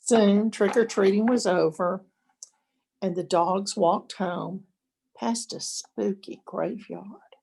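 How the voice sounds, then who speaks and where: An older woman reads a picture book like a grandmother to young children. Her pace is very unhurried, with dramatic pauses, and her voice is husky with plenty of creak. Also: medium pitch, a little mellow. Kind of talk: expressive children's storybook read-aloud.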